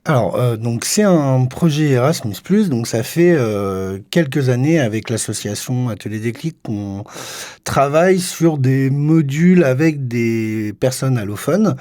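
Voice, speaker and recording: A man's voice: medium pitch, animated, unhurried, warm tone, no room sound. A man who coordinates an association, explaining a project as a guest in a radio studio, rambling with many fillers and restarts. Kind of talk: radio interview.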